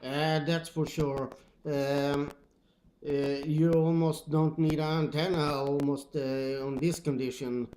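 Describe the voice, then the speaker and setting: A Swedish man with a Swedish accent chats casually as an amateur radio operator, searching for English words as he goes. His voice sits on the high side, level and slow, a little mellow. It comes through as a two-way radio transmission, noisy and full of clicks.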